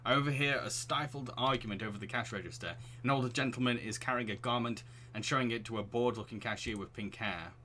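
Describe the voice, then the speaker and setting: A man's voice: medium pitch, quick pace, pushed and bright. A man streaming a game, chatting restlessly with his viewers, laughing often and reading the story aloud.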